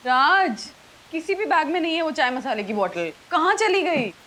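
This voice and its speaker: High, lively sitcom mother. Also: moderate pace, full character voice. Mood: fussing. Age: middle-aged. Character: caring, mildly scolding wife and mother in a family. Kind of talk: Hindi sitcom acting.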